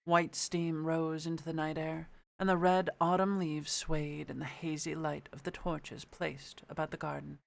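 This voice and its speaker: A man's voice: a little high, little pitch movement, a little slow, creaky, hardly any pauses. A man reading a storybook aloud and chatting casually, with a playful, sweary manner. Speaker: amateur book reader. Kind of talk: casual chat and storybook narration.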